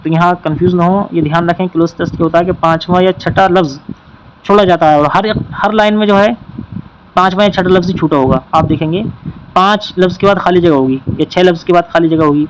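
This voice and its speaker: A man's voice: high voice, steady tone, a little hiss or hum, poor audio. A man teaching an exam-prep lesson, working through questions and patiently repeating the key points.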